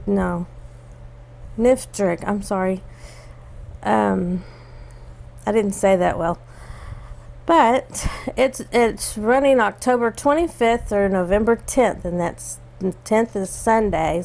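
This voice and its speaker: A woman's voice: mid-range voice, slow, gravelly, darkish tone. A middle-aged woman co-hosting a casual theater review, giggling and stumbling over names as she talks. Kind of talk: casual chat.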